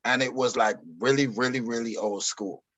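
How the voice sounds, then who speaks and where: A man's voice: medium pitch, fairly even intonation, normal speed, a bit bright, no room sound. Middle-aged Guyanese man, dry close sound. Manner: easygoing, candid, swears casually. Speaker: guest, fitness coach. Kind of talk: casual interview storytelling.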